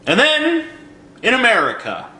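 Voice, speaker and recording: Twenty-something guy ranting, swears a lot, high bright voice, echoey room. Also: wildly swooping pitch, measured pace. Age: 20s. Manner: profane, sarcastic rhetorical questions. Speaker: video blogger. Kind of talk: angry commentary rant.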